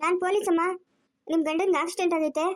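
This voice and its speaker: A woman's voice: very high-pitched, fairly even intonation, fast talker. A woman voicing a curt male police officer who speaks bluntly and matter-of-factly.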